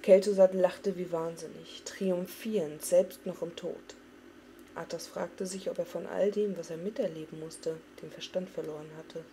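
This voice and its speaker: A woman giving an expressive, dramatic reading of a fantasy novel. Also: fairly low pitch, normal speed, a little hiss or hum. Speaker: audiobook reader.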